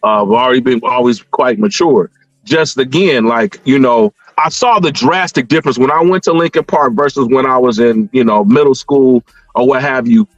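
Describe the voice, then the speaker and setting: Calling in over an internet connection, a middle-aged American man in a mid-range voice chats about his own experiences at a moderate pace. He wanders, repeats himself and leans on "you know." The band-limited sound is dull and has no room ambience.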